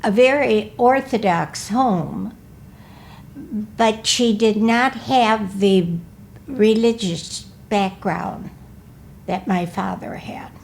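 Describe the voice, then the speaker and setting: A woman in her eighties from Wisconsin, recalling her life in a slow, careful, measured way during an interview. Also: mid-range voice, vocal fry, a little mellow. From Milwaukee, Wisconsin. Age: 80s. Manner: slow, careful, measured recollection, often asking to repeat. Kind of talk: recorded life-story interview.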